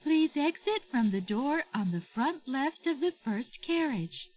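A woman giving a recorded train announcement over the loudspeaker, formal and carefully enunciated. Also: high voice, lively intonation, slow, faint music behind. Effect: played over a train loudspeaker. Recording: dull lo-fi train audio.

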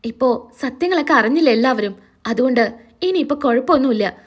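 A woman voicing a middle-aged father who calmly consoles his wife and gives brisk instructions. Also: high voice. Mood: soothing.

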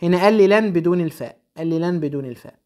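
A young Egyptian grammar teacher walks through exam exercises at a rapid clip, slowing only to stress each answer. His voice sits high for a man. He explains in a brisk, practical way. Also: mellow. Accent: Egyptian Arabic. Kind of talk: recorded exam-prep lesson.

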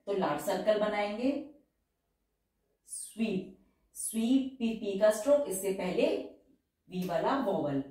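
दूर माइक से गूंजती आवाज़ में पढ़ाती महिला, गहरा स्वर. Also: female voice, medium pitch, a little mellow, distant mic. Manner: slow, careful repetition of example words. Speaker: shorthand teacher. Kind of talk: step-by-step tutorial. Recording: echoey room, voice off-mic.

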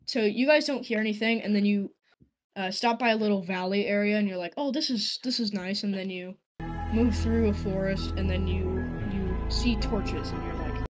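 A woman's voice: medium pitch, moderate pace, music in the background. A young woman narrating as game master in a tabletop game, casual and rambling with frequent restarts.

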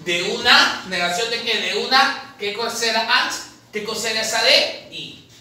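At an admissions academy, a male math tutor teaches logic at the chalkboard, solving exam problems in a high voice at a moderate pace. Lively, he fires questions at students, answers them himself and calls the viewer "papi"; the far camera picks up a very echoey indoor classroom from afar with faint noise.

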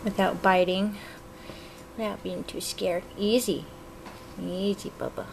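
A woman's voice: steady tone, measured pace, creaky, noisy background. A woman filming at home, chatting about her parrot and cooing baby talk to her birds. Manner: coos baby talk to her bird, swinging high and low. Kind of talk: casual home video narration.

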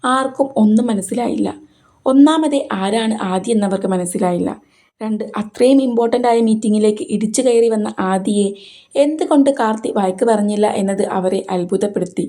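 A woman reading a serial romance story aloud with steady narration. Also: mid-range voice, a little fast.

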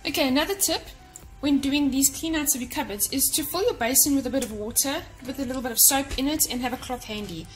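A cleaning vlogger in her thirties runs through cleaning and organizing tips fast, her voice high, over faint background music. Standing in her home kitchen, she talks casually and practically to camera, addressing viewers directly in how-to style.

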